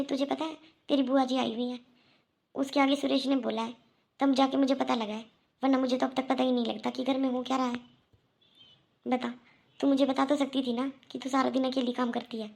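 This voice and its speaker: A woman's voice: sits high, little pitch movement, a little fast, creaky, a little mellow. Woman voicing a remorseful, kindly mother-in-law. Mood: reassuring. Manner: soothing, reassuring, repeats herself. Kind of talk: Hindi cartoon voice acting.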